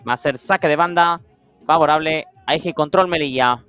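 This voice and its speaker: A male sports commentator with a Spain Spanish accent follows the play in short descriptive phrases. His voice is smooth and slightly high. The audio is a little dull, with music underneath. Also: moderate pace, pushed and bright. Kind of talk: live beach football play-by-play commentary.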